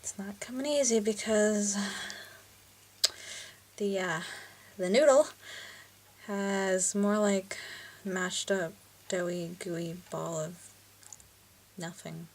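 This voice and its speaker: A woman's voice: medium pitch, slow pace, long pauses, a little mellow. A young woman from Canada talking casually to her camera as a vlogger, self-mocking and chatty, sometimes dropping into a whisper. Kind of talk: casual chat.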